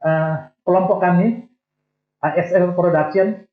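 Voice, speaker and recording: A man's voice: high-pitched, a little slow. Older man, tinny and echoey. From Indonesia. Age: 60s. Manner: relaxed storytelling with light self-deprecating jokes. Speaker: guest. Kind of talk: casual interview chat. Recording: echoey room, tinny phone-like sound.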